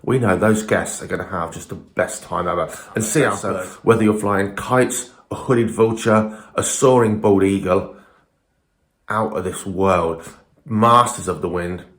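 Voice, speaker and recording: Man, low voice, emphatic and opinionated, informal video presenter, roomy echoey recording. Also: a little slow, fairly bright tone. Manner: emphatic, opinionated, uses rhetorical questions. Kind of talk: informal talk to camera.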